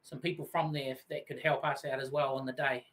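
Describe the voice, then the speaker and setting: A man's voice: medium pitch, little pitch movement, brisk, fairly bright tone, rough recording. A man with a New Zealand accent chatting casually as an event organiser guest, agreeable and thankful. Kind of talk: casual interview chat.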